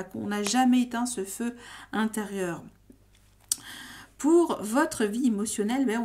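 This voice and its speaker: A woman's voice: mid-range voice, dark tone. A woman giving a casual tarot reading to her viewers, talking in a hesitant, meandering way full of fillers and restarts. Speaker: tarot reader.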